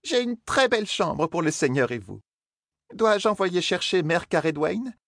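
A man's voice: sits high, expressive, unhurried, creaky, a bit bright, no echo, studio quality, voice pushed up, exaggerated voice. A man putting on a flustered clucking innkeeper woman. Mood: bustling. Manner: scolding, clucking like a flustered mother hen. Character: fussy bustling middle-aged female innkeeper. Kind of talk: audiobook character voice.

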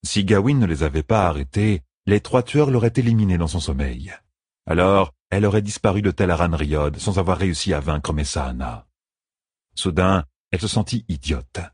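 Low husky male audiobook narrator. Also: expressive, a little mellow, no echo, studio quality. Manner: measured, dramatic reading. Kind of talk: scripted fantasy narration.

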